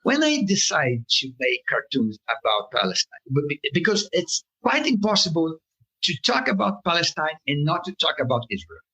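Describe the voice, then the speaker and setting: A man with a Brazilian Portuguese accent talks as an interview guest, pausing often and restarting his sentences. His voice sits a little high, with a bright tone that moves widely in pitch. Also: big pitch swings, husky, low-quality recording. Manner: halting, many fillers and restarts, searches for words. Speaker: political cartoonist, guest. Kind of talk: interview conversation.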